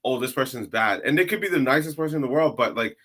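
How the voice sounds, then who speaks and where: A man's voice: mid-range voice, animated, fast talker, fairly bright tone. A man telling a personal story in a laid-back, casual way, full of "like". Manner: laid-back, uses lots of "like".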